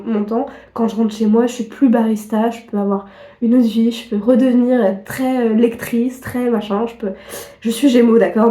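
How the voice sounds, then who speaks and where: Young woman vlogger with a cold, mellow and a bit high, rambling and self-deprecating, recorded in a reverberant room. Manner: chatty, self-mocking, many fillers and laughs. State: sniffly with a cold. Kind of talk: casual chat to camera. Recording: echoey room.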